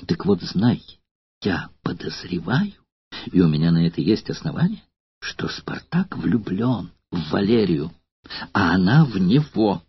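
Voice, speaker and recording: A man's voice: sits low, sing-song, moderate pace, breathy edge, dry recording, voice pushed down, heavily acted. A man voicing an old, debauched actor who speaks in a guarded, hesitant way, in an audiobook reading. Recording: slightly dull lo-fi recording.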